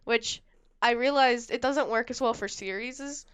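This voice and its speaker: Woman, fairly high voice, slow unhurried talk, hesitant and rambling, casual book chat. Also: a bit bright, smooth. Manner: hesitant and rambling, many fillers and giggles. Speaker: podcast co-host.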